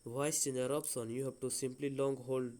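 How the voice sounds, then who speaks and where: With a flat delivery and a darkish, mid-range voice, a man hosts an unscripted phone app tutorial, going step by step. He sounds halting and unsure, often repeating himself.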